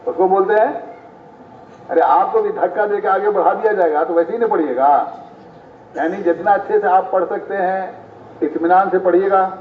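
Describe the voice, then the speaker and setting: High-voiced preacher quizzing a congregation. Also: male voice. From Bihar, India. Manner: quizzes the congregation with repeated questions; repeats each point several times. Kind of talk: sermon. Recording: echoey, distant, tinny phone-like, faint noise.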